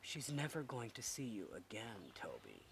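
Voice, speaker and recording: An actor playing a volatile film director who stammers and bursts into shouting. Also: male voice, on the low side, huge pitch swings, normal speed, gravelly, background noise, full character voice. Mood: hushed, scheming.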